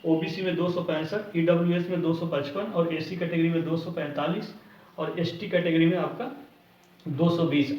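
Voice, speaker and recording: A male exam coaching teacher gives an informal explanatory lesson, often checking in with short tag words. His voice is a little high and a little mellow, captured on a distant mic in a roomy space with dull lo-fi sound.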